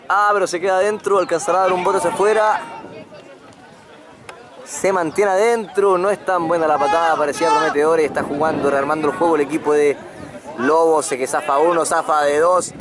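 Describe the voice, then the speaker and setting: Outdoors at a sports ground, a man with a fairly high voice gives brisk, excitable live play-by-play of a rugby match, rising whenever there's a break. Crowd and field noise fill the background.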